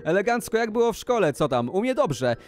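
A man playing out a Minecraft role-play as a YouTuber, talking excitedly and exclaiming to his viewers. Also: high voice, a little fast. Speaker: gaming YouTuber.

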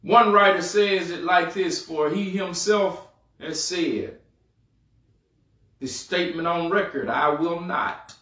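A male pastor delivering a sermon, swelling on key words and sinking low at the ends of phrases. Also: a bit bright, reverberant, far from the mic. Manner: preaching with rising and falling emphasis, dropping low at phrase ends.

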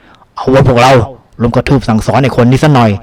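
A man's voice: mid-range voice, flat delivery, a little fast, darkish tone, close to an everyday voice. A man voicing a menacing young village thug who taunts with a drawl, in an audiobook.

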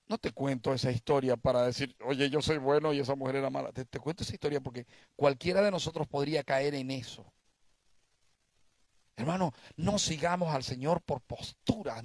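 A man's voice: fairly high pitch, darkish tone, no echo. A male pastor preaching a sermon, asking the congregation questions and telling them stories.

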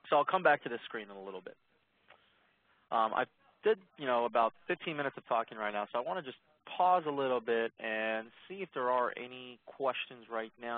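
A man walking listeners through a software demo in a webinar, speaking in a monotone with plenty of ums and uhs. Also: medium pitch, no room sound. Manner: monotone, self-described; relaxed, many ums and uhs. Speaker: product presenter. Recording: tinny phone-line audio.

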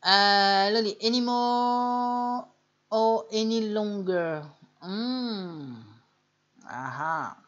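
Slow-talking woman teaching English live. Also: medium pitch, muffled recording. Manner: chatty, encouraging, reads viewers' names and corrects them; stretches out English model phrases slowly. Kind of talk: live online English lesson in French.

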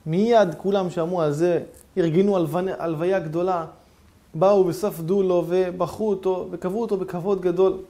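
A male rabbi giving a sermon, telling a story dramatically with sudden swings between hushed and loud. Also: sits high. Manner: animated, theatrical storytelling with sudden swings in loudness.

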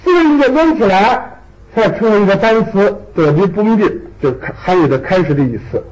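Male teacher with a high, lively voice, patient, repeats his points. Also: low-quality recording. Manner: patient, repeats key points with drawn-out particles. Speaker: language teacher. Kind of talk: classroom lecture.

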